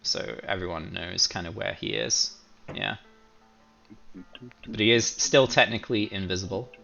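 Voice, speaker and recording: Man, game master, low gravelly voice, bright tone, casual and hesitant, muffled audio, faint music. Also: measured pace. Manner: casual, hesitant, many fillers. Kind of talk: running a tabletop game.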